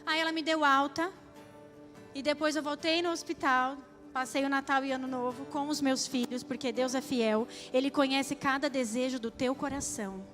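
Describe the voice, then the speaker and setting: A woman's voice: high voice, fairly even intonation, normal speed, a bit bright, soft background music. A young adult woman from Brazil giving an emotional testimony at church, speaking straight to the congregation. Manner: emotional, addresses the audience directly. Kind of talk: testimony sermon.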